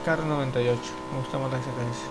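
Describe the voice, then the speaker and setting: A man giving live commentary while playing a mobile shooter, excitable and swearing, breaking into panicked shouts. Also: mid-range voice, racing, vocal fry, very noisy. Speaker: mobile game streamer.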